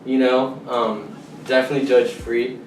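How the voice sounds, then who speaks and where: A young male student interviewing friends in a relaxed, casual way, full of agreeing fillers. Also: medium pitch, moderate pace. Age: young adult. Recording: roomy sound from a distant mic with background music.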